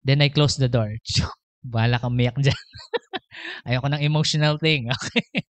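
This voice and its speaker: A man's voice: medium pitch, steady tone, normal speed, dry recording. A man preaching a sermon as pastor, telling a personal story, moving between Tagalog and English and laughing often. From Philippines.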